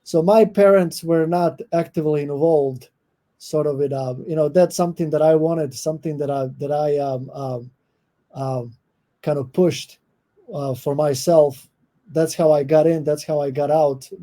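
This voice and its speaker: A middle-aged Croatian man speaks in a dark, mellow voice, pitched a little high. He answers interview questions thoughtfully, often pausing with "um" and restarting his sentences. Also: steady tone. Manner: thoughtful, with many fillers and restarts. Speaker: guest professor. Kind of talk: podcast interview.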